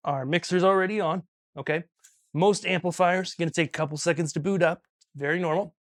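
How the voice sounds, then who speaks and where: The recording is dry, and the man's voice sits on the high side as he speaks a little fast from a small studio. He's an audio instructor and video host giving a casual, step-by-step practical lesson, pausing often to check in with "okay."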